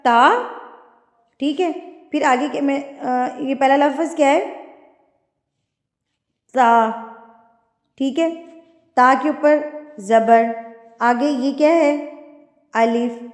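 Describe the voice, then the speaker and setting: High-voiced woman teaching tajweed. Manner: explains patiently, then recites slowly and drawn out. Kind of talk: teaching lesson with recitation. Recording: echoey room with long reverb.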